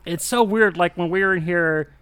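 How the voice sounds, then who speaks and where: A man's voice: high-pitched, normal speed, fairly bright tone, clean tone, no room sound. A man co-hosting a podcast in casual chat, rambling and laughing often. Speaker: podcast co-host.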